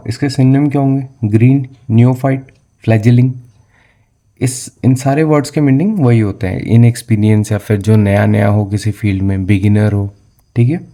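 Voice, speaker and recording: A man's voice: mid-range voice, fairly even intonation, moderate pace, vocal fry, mellow. A young man teaching exam vocabulary, mixing in English terms and often asking a question and then answering it himself. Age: young adult. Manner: asks questions, then answers them; frequent "theek hai na"; mixes English words into his speech. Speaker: vocabulary tutor. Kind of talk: explaining vocabulary for exam prep.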